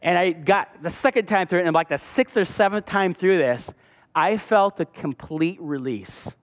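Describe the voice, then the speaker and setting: A man's voice: high-pitched, normal speed. A man giving a sermon testimony, telling his story with passion. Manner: impassioned, storytelling. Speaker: pastor. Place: church hall. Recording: dull sound with long hall reverb.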